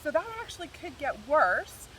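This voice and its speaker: A woman's voice: sits high, big pitch swings, moderate pace, fairly bright tone, far from the mic, slight background noise, rough recording. A middle-aged woman co-hosting a casual chat, talking candidly and chattily, laughing easily. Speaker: podcast co-host.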